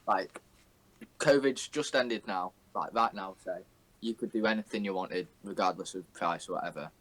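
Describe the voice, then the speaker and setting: A man's voice: deep voice, normal speed, fairly bright tone, low-quality recording. A young man co-hosting a podcast in casual, bantering chat, swearing freely and explaining things at length. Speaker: podcast co-host.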